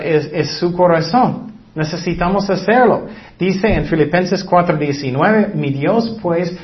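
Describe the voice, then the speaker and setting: A man with a fairly high voice gives an informal sermon. He talks conversationally, hesitating with fillers as he quotes scripture. The recording sounds dull and lo-fi. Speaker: preacher.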